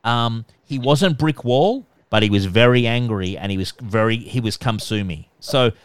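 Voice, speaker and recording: A man with a nasal voice, a debt collection expert giving calm, instructive answers in a podcast interview. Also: mid-range voice, moderate pace, clean tone, no room sound. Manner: calm, instructive, repeats "okay".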